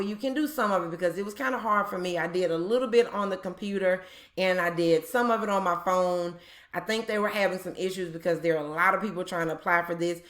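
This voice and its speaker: A woman's voice: fairly low pitch, fairly bright tone. Chatty woman explaining job requirements. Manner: chatty, repeats points for emphasis, frequent ums. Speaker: job-tips video host. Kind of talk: casual explainer talk to viewers.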